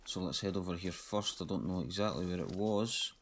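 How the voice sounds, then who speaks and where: A man giving casual, low-key commentary while playing a hunting game, thinking aloud. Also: fairly quick, a little hiss or hum. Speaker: gamer.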